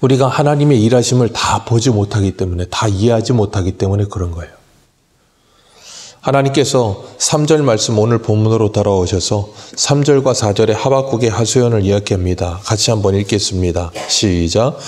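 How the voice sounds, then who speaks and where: A man's voice: lowish voice, fairly quick, darkish tone. A male pastor preaching an expository sermon at a dawn church service, earnest and full of rhetorical questions.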